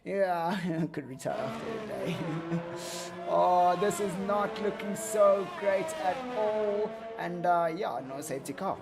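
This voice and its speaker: A man giving casual, jokey live commentary on a sim racing league, chatting with stream viewers and getting excited during race action. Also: high-pitched, measured pace, gravelly, over music.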